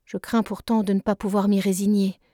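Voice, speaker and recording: A woman's voice: mid-range voice, little pitch movement, brisk, mellow, no room sound, clean studio sound, natural voice. Meg, a woman reading a stern eldest sister. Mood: earnest. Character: eldest sister, teenage girl, scolding and sensible.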